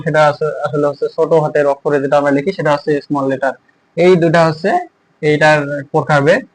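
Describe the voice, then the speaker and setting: A young man teaching an English lesson, halting and repeating himself as he explains and writes. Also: on the high side, no echo, rough recording. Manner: halting, repeats words while writing on a board. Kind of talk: spoken language lesson.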